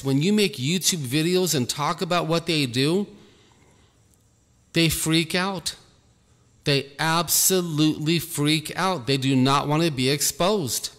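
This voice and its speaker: A man giving an earnest personal testimony about his ministry, talking slowly and repeating himself. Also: a little high, fairly bright tone, big-room sound. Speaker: ministry leader.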